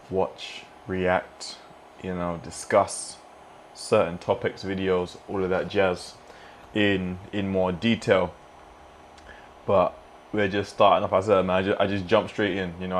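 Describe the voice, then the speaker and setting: Laid-back deep-voiced man, rambling chat. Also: slight background noise. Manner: laid-back, rambling, says "man" and "you know" often. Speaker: fitness vlogger and streamer. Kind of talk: casual mukbang vlog chat.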